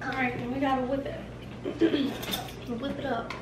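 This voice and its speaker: A young woman and mother hosting a casual home cooking vlog, giving her children calm, brief instructions in her kitchen, picked up by a camera across the island. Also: high voice, moderate pace, background noise. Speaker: mother and channel host. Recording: echoey kitchen, far from mic, clattering dishes.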